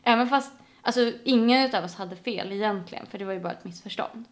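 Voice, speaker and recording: A woman from Sweden in casual conversation, telling stories animatedly and acting out the voices of people she quotes. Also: medium pitch. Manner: animated storyteller, acts out quotes. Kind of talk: casual chat.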